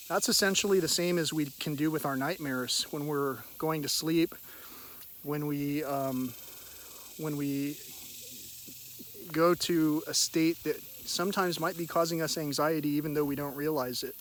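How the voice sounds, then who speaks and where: A man vlogging outdoors in a halting, meandering, reflective way, often clearing his throat. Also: on the high side, steady tone, a bit bright. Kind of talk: rambling, reflective spoken vlog. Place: outdoors in a park by a river. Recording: hissy outdoor recording with insect noise. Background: cicadas, birds, hiss and nearby traffic.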